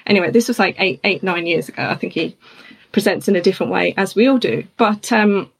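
A middle-aged woman, a coach and speaker, telling a personal story in an animated conversational way. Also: on the low side, fairly quick, creaky, husky. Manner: animated, acts out other people's voices in her anecdotes.

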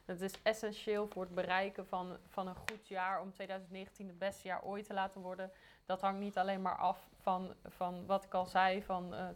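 Hesitant woman with a flat voice. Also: mid-range voice. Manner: hesitant, many fillers. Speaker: co-preacher. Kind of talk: sermon.

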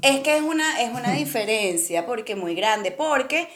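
A young woman with a Venezuelan accent, chatting casually with lively slang and laughter. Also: a little high, moderate pace, a crowd in the background. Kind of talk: casual chat. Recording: roomy echo.

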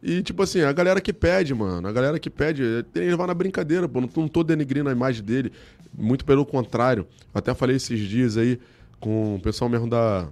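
A man with a Brazilian Portuguese accent from Rio, telling anecdotes in slangy, casual chat as an interview guest. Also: mid-range voice. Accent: Brazilian Portuguese, Rio de Janeiro. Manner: slangy, animated storytelling. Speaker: guest, celebrity look-alike and comedy performer.

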